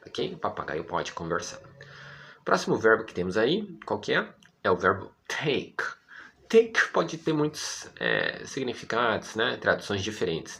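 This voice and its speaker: Man, Brazilian Portuguese accent, English teacher, lively pitch, patient and repetitive. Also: creaky, a little hiss or hum. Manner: patient, repeats words slowly, asks "tá?". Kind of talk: explaining English vocabulary in Portuguese.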